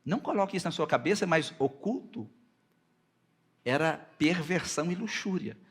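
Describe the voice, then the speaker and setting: With a husky voice and lively intonation, a Brazilian Portuguese-accented pastor preaches a sermon. Scripture readings are slowed and drawn out, while his quotations of God and Moses soar loud and high.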